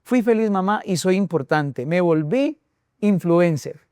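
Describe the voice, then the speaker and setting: A man's voice: high voice, lively intonation, measured pace, darkish tone, smooth, dry recording, studio quality. A man voicing a boastful, naive young male donkey in a spoken story. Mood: proud. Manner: proud, naive bragging.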